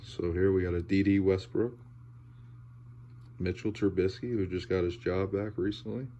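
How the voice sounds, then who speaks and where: A man giving casual, laid-back commentary as he opens card packs, halting and trailing off, with audible heavy breathing. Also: low-pitched, fairly even intonation, dark tone, muffled recording, a little hiss or hum. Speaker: host of a sports card pack-opening video.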